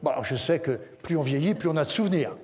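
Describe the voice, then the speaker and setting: Lively middle-aged male preacher. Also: on the high side, fast talker. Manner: lively storytelling, acting out quotes with humorous asides. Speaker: pastor. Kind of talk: sermon.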